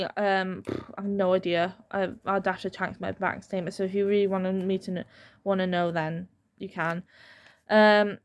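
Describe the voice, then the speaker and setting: Chatty young woman vlogging. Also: medium pitch. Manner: chatty, filler-heavy storytelling. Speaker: YouTuber. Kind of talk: casual chat to camera.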